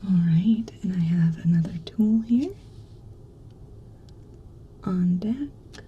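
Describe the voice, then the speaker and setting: A woman softly whispering an ear cleaning ASMR whispered role-play as a gentle, reassuring ear clinician. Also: fairly low pitch, animated, slow pace, highs cut off, a little hiss or hum.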